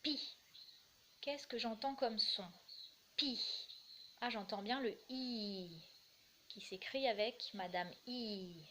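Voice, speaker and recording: A woman's voice: mid-range voice, slow pace, noisy background. A woman teacher giving an early-reading lesson, speaking patiently and sounding out each syllable again and again.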